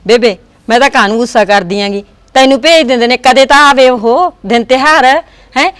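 A woman's voice: a little high, a little fast, a bit bright, no room sound, close to an everyday voice. A woman playing a devoted, emotional married daughter who talks at length with her old mother in a family drama. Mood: affectionate. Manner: pleading, talkative.

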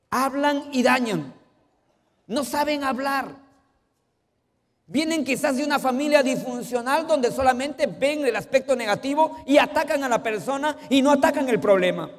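A pastor preaches a sermon. He keeps asking the congregation questions and swings between loud emphasis and quiet asides. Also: very high voice, lively intonation, brisk, few pauses. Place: church sanctuary. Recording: long church reverb.

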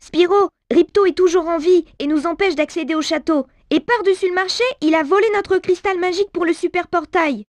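A woman's voice: very high voice, a little fast, few pauses, no echo. An actress playing an earnest, pressing young female faun heroine in a video game. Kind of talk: cartoonish video game acting.

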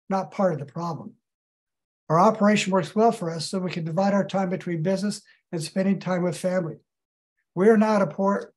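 Older Colorado man, high-pitched statement. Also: a little mellow. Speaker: public commenter. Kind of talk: reading a prepared statement. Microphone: video call.

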